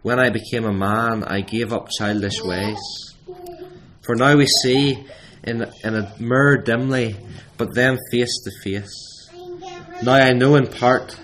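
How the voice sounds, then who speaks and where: A man leading a church service, reading scripture at a pulpit microphone in a measured, deliberate way with emphatic pauses. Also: mid-range voice, fairly even intonation, a bit bright, slight background noise.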